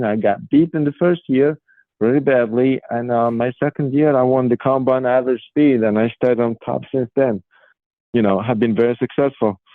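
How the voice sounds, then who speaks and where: A man in his forties from Morocco, giving earnest interview answers with frequent um pauses. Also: medium pitch, no echo. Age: 40s. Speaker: guest, pigeon racing federation official. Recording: tinny phone line, dry.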